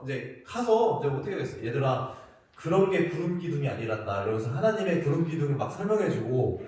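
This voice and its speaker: A young man preaching as a youth pastor, telling a personal story in an animated, confessional way with frequent laughter, recorded in a church sanctuary. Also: a little high. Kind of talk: storytelling sermon. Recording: very echoey hall, voice far from mic.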